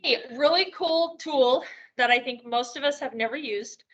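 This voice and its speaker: A woman's voice: high voice, moderate pace, dull audio. A woman presenting at a real estate sales meeting, upbeat and chatty, a little out of breath, asking rhetorical questions as she walks through tools. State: slightly out of breath.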